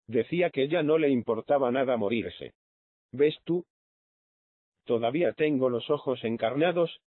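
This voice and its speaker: A man voicing a kind, gentle young lady in an audiobook, tender and eager in manner. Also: medium pitch, dry recording. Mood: happy. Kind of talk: audiobook reading. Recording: thin phone-like lo-fi sound.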